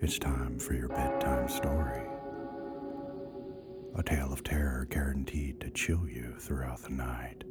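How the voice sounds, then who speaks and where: A man playing a sinister old horror actor who tells bedtime stories in a slow, creeping, breathy whisper, in a radio play. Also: very deep voice, steady tone. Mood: menacing. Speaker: horror storyteller. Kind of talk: radio bedtime story narration. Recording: loud music behind.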